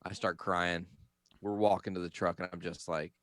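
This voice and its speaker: A man's voice: low voice, moderate pace, no echo, clean studio sound. A man co-hosting a podcast who tells a childhood story casually, swearing now and then. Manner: relaxed, swears casually, acts out quotes. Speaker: podcast co-host, parent.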